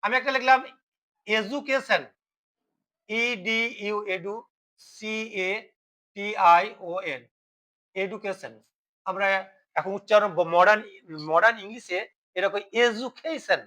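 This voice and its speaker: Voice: mid-range voice, fairly bright tone, rough recording. A teacher giving a classroom grammar lesson, asking questions and then answering them, and spelling words letter by letter.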